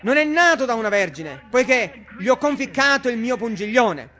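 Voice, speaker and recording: Scoffing male devil in a sermon, a man doing it, bright and high-pitched. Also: big pitch swings, moderate pace, muffled recording, exaggerated voice. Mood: taunting. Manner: mocking, taunting. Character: sneering male devil, taunting and boastful.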